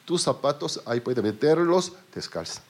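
A man's voice: medium pitch, sing-song, moderate pace. A male pastor from Korea preaching in a Korean accent, telling stories with self-mocking humor and small slips. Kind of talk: sermon.

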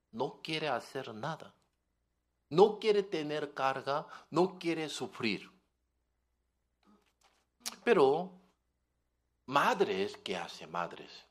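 Male preacher, very slow, animated, keeps asking the audience questions. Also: medium pitch. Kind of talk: sermon.

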